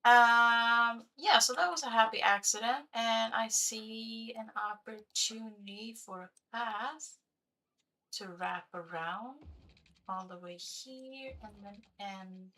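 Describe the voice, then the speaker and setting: A woman's voice: fairly high pitch, takes it slowly, pushed and bright. A young woman live-streaming a city-building game, chatting to her viewers as she builds, with a voice that keeps cracking. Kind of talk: casual live-stream chat while playing.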